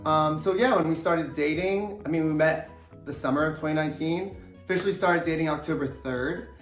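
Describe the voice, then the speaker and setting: A man's voice: on the high side, a little fast. A man co-hosting a couple's vlog, telling a personal story in an earnest, hesitant way. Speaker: co-host of a couple's channel. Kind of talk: casual chat, personal story. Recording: echoey room, faint music.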